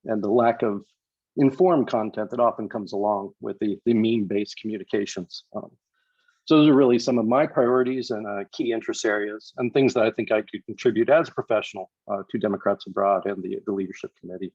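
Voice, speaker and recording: A man giving a prepared candidate statement on a video call. He speaks in a measured way, with many hesitation fillers. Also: lowish voice, a little mellow, breathy edge, dry recording, highs cut off. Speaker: candidate for party office.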